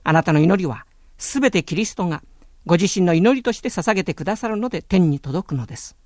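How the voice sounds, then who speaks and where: Calm, earnest male radio preacher, dry sound. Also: high-pitched, quick pace, dry recording. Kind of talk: radio sermon.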